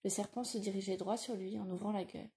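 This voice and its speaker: A woman narrating a literary audiobook in a measured, reflective way. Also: mid-range voice, fairly even intonation, mellow.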